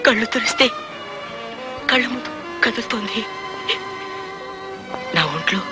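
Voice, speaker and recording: A lovesick young man pours out his self-pitying lament, played by a man. His voice is high, with a Telugu accent, and a film score plays clearly beneath him. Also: lightly acted, poor audio. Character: lovesick younger brother pining for a girl. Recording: film soundtrack with music behind.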